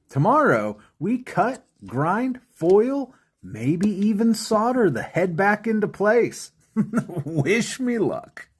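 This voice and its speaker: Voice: medium pitch, a little mellow, slightly rough. A stained glass artist hosting a craft tutorial in voice-over, playful and jokey, with puns and frequent chuckles.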